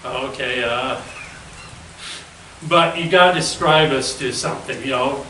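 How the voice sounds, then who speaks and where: Slow rambling man in an echoey room. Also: medium pitch, bright, forceful tone. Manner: rambling, jokey. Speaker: interviewer, VJ. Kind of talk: casual interview chat. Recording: echoey room, distant mic, background noise.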